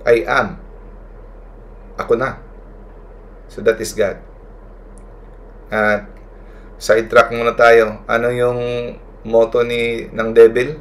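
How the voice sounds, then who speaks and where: A man gives a retreat talk, moving back and forth between Tagalog and English. He speaks slowly with a gravelly edge. He keeps checking in with his brothers and sisters through a questioning "no?". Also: mid-range voice, flat delivery. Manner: keeps adding a questioning "no?" to check the listeners follow; addresses listeners as brothers and sisters.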